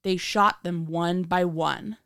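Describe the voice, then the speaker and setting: A woman hosting a podcast, reading scripted true crime narration in a measured, dramatic storytelling manner. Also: fairly low pitch, fairly even intonation, fairly bright tone, no echo, studio quality. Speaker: podcast host.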